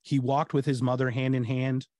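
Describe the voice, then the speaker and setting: Speaking at a normal speed in a level, dark-toned, mid-range voice, a middle-aged podcast host from the United States chats casually during an interview. He's on a video call from home, and his talk rambles, full of fillers and restarts. The recording is dry.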